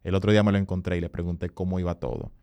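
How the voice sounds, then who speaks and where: A man, a communication consultant, telling earnest stories as a podcast guest, emphatic and rising in pitch when he quotes people. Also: little pitch movement, very fast, dark tone, smooth, no echo. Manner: earnest, emphatic storyteller who rises in pitch for quoted voices. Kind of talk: storytelling in a podcast interview.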